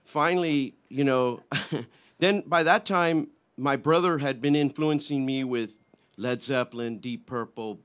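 A man's voice: mid-range voice, unhurried, fairly bright tone, clear, resonant tone. A man in the band telling a childhood story casually and animatedly, acting out the people he quotes. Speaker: band guitarist.

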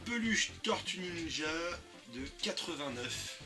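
A man's voice: on the high side, big pitch swings, slow pace, creaky, over music. A man chatting casually and easily about his flea market finds. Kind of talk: casual chat.

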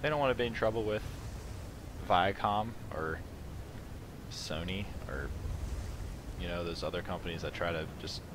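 A man with a lowish voice talks his way through a game in a loose, rambling way. He mocks himself and thinks aloud about what to pick up next. Steady noise sits clearly behind the voice. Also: normal speed, long pauses. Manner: rambling, self-mocking asides. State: sleepy, yawning at the start. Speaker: gaming channel host. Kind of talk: casual let's play commentary.

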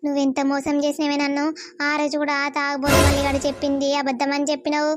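A woman's voice: high voice, monotone, over loud music, natural voice. A woman voicing a scolding village mother. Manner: scolding, reproachful, rapid. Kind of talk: cartoon voice acting.

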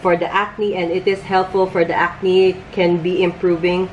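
A woman's voice: lowish voice, flat delivery, moderate pace, highs cut off, slight background noise. A woman in her thirties wearing a face mask at home, chatting through a product review with hesitant restarts. English is not her first language. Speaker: beauty vlogger. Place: home room by a bright window.

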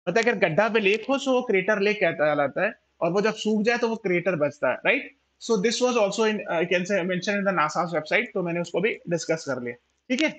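A man's voice: high-pitched, lively intonation, moderate pace, a bit bright, poor audio. A man with an Indian English accent teaching a live online class, switching between Hindi and English and checking in with viewers. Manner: mixes Hindi and English, checks in often with listeners; reads out viewer names and answers. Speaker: exam prep teacher.

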